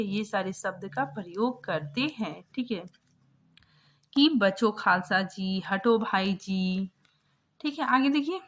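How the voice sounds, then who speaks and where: A woman's voice: on the high side, fairly bright tone. A woman teaching, going through a story line by line for exam students and checking in after nearly every phrase. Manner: explains slowly, keeps asking "ठीक है?" after each phrase. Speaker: literature teacher.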